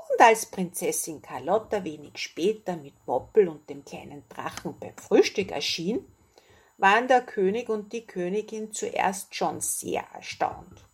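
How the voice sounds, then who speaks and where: A woman gently and expressively reading a children's fairy tale aloud. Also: fairly low pitch, slightly rough. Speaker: storyteller. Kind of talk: bedtime story reading.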